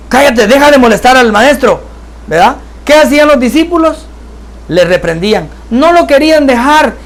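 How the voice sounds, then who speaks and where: A man teaching a Bible lesson, earnest and halting, often checking in with his listeners. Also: very high voice. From Guatemala. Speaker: church trainer.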